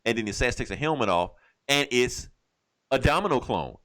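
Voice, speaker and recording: This podcast co-host reviews comic books, recapping a story in a loose, slangy ramble with some swearing and acting out lines in passing. His medium-pitched voice is brisk and fairly bright, with lively intonation.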